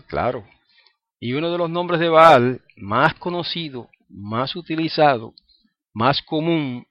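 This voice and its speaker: In a dry recording with the highs cut off, a man with a medium-pitched voice gives a casual sermon to a congregation. He keeps asking "¿ah?" and "¿verdad?" and lets out occasional chuckles between points.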